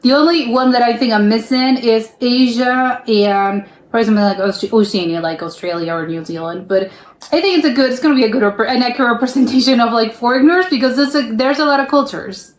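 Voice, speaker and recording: American woman doing a reaction vid, kinda high voice, rambles and corrects herself, roomy echo. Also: fast. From United States. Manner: rambling, self-correcting, frequent fillers. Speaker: reaction video host. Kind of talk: casual reaction commentary.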